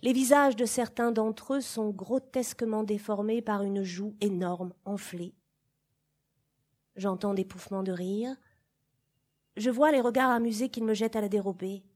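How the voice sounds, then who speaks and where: A woman reads a novel aloud at an unhurried, deliberate pace. Her voice is soft and breathy. The reading is measured and expressive, rising in force on some phrases and sinking to near-hush on others. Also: medium pitch. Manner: measured, expressive reading with sudden swells and hushed drops. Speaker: reader of a novel. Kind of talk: literary audiobook reading.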